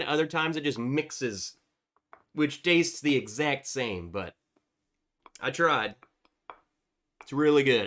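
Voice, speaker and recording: On a casual livestream, the male host reads out viewer chats in an upbeat, chatty way while sounding stuffed up from a cold. His pitch is fairly high, and his tone is bright and forceful.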